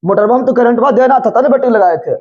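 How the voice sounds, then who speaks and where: A man's voice: extremely high pitch, quick pace, mellow. A male physics teacher, lecturing a class, repeating every question back to the students and scolding them playfully. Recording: dull lo-fi classroom recording.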